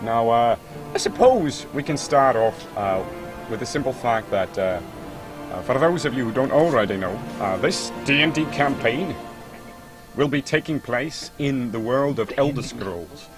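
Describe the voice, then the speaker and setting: A man's voice: mid-range voice, expressive, unhurried, over music. A man running a tabletop game as game master, talking casually with many hesitant fillers.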